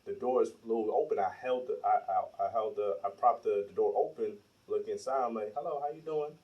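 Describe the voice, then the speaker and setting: A man in his thirties tells a story at a quick pace, acting out the other people's lines as he goes. He sits a bit back from the mic, so the sound is distant and roomy. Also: fairly low pitch, muffled recording. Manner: animated storyteller, acts out quoted dialogue. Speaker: podcast co-host. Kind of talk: casual chat.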